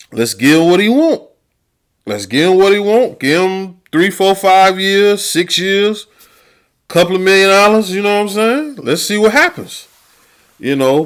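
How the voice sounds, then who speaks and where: A man hosting a podcast, venting about football in a heated, profane, casual rant. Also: on the high side. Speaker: podcast host.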